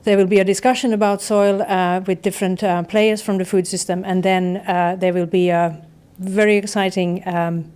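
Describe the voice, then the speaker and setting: A woman's voice: medium pitch, little pitch movement, moderate pace, few pauses, darkish tone, clear, resonant tone. A woman organizing an event, giving friendly, rambling welcome remarks with many fillers.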